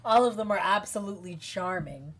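Husky woman streaming a dating game. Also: medium pitch, brisk. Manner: animated, gushing and joking between calm narration. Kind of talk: reading a dating game aloud with reactions.

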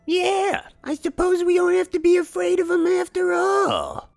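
A woman's voice: extremely high pitch, fairly even intonation, a little slow, gravelly, a little mellow, soft background music, exaggerated voice. A woman voicing a snarky, exasperated hairless cat with a dry, sarcastic manner in a comic dub. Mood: wry.

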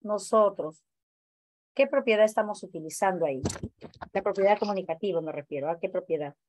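A woman's voice: mid-range voice, a little fast, darkish tone, no echo. Woman teaching an online class, dry sound. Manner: questioning, explanatory, many fillers.

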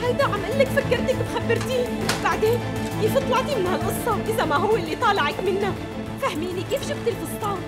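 An actress dubbing, in a Levantine Arabic accent, a sharp-tongued woman who nags and mocks her sister. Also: very high voice, rapid-fire, over loud music. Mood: scolding. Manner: mocking, nagging. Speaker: dubbing actor.

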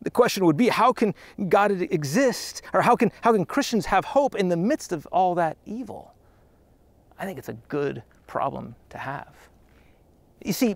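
Out on a trail, a male pastor in his thirties preaches with a high voice and no room sound. He speaks earnestly and conversationally but keeps starting over.

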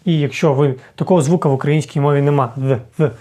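A man teaching an English lesson, patiently explaining and repeating sounds slowly to demonstrate them. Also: fairly high pitch, steady tone, darkish tone.

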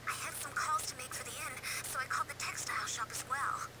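Brief: calm, polite teen girl in a game, very bright clear tone, measured. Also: high-pitched, a little hiss or hum, rough recording. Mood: calm, concerned. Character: polite, composed teenage girl on the phone.

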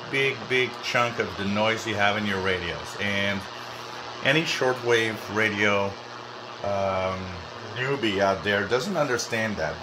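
A man's voice: lowish voice, background noise. A man hosting a hobby channel, giving a casual, conversational demonstration to viewers in an explanatory way. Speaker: host of a shortwave radio channel. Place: indoors in a home kitchen.

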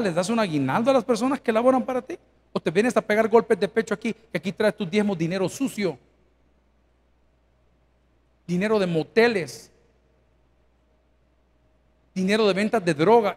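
Pastor guy preaching, high voice, goes from quiet to yelling. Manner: preaching with rhetorical questions, swings from hushed to shouting. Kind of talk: sermon.

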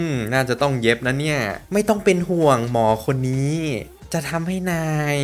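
A man giving animated, jokey commentary while playing a VR game, often addressing his viewers. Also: fairly high pitch. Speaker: gaming YouTuber. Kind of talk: playful VR gameplay commentary.

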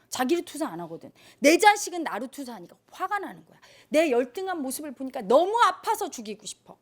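A woman teaches a gathered group in a high, lively voice that swoops widely. She tells stories and acts out the people in them as she speaks. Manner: animated storytelling, acting out quoted people. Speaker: spiritual teacher.

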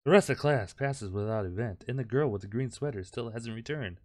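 A man hosts a gaming video, reading a visual novel aloud in mock-dramatic style and breaking off for joking asides. His medium-pitched voice moves a little fast. Loud music plays behind him.

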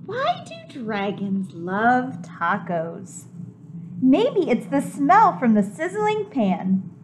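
A woman in her twenties, a preschool teacher reading a picture book aloud to small children in an animated, simply explaining way. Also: high-pitched, extremely slow, a little hiss or hum. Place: home kitchen, indoors.

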